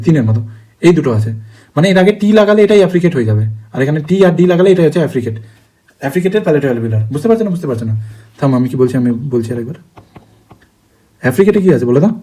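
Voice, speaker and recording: A man's voice: on the high side, warm tone, low-quality recording. A man teaching an online phonetics lesson, drilling terms over and over and asking students if they understand. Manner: rapid, repetitive drilling with frequent check-in questions.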